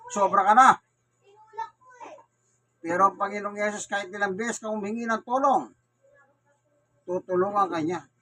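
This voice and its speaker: A man's voice: sits high, fairly bright tone. A man with a Filipino accent gives a Bible sermon to a neighborhood crowd, often asking questions and answering them himself. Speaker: preacher. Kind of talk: street Bible preaching. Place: neighborhood gathering in Manila.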